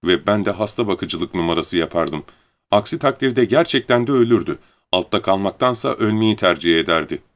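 A man voicing a gentle, curious little boy prince who speaks politely and wistfully. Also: deep voice, animated, moderate pace. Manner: polite, wondering, softly pleading.

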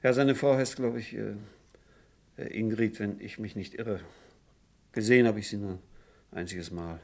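In a radio crime drama, an actor plays an evasive, nervous insurance agent being questioned, speaking haltingly and apologetically in a rambling way. His voice is lowish and creaky with a steady tone.

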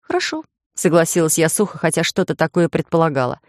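A woman narrating a first-person romantic audiobook in a lively, ironic way. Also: low voice, a little fast, no room sound, clean studio sound. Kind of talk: scripted narration.

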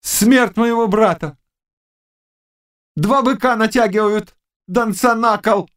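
A man voicing a fierce, mocking young witch and fortune-teller in an audiobook, chanting incantations in a high, loud voice. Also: takes it slowly. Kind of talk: audiobook character reading.

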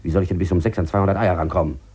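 An actor playing a desperate, sick gambler in debt, pleading and stammering on the phone in a 1950s radio play. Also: male voice, low-pitched, fairly even intonation, rapid-fire, dark tone, husky. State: feverish. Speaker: lead character in a radio drama.

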